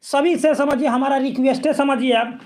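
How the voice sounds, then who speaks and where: Man, high voice, physics exam coaching, repetitive, checks students follow. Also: fairly even intonation, normal speed, a little mellow. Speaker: physics teacher. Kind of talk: exam-prep lesson.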